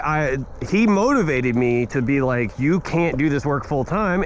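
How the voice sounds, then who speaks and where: A man's voice: fairly high pitch, muffled recording. A man chatting casually to his viewers in a laid-back, slangy, rambling way, recorded outdoors while riding a scooter. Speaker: vlogger and delivery gig worker. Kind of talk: casual vlog chat to viewers. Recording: outdoors on the move, clear road noise.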